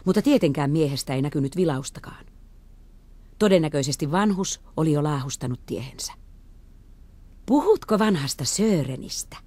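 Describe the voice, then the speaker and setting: A woman reading an audiobook story aloud with lively, expressive intonation. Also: sits low, no room sound. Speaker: audiobook reader. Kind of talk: scripted narration.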